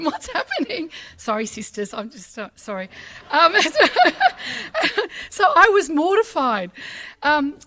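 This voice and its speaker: This middle-aged Australian woman, who grew up speaking Arabic, has a high and slightly bright voice. She gives a chatty, emotional personal speech at a public ceremony and acts out the voices in her stories.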